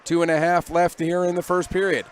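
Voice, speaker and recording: A man calling amateur ice hockey play-by-play at a local rink, giving brisk running calls of each play. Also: fairly high pitch, little pitch movement, clear, resonant tone. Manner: brisk running play calls, rising when the action peaks. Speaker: play-by-play commentator.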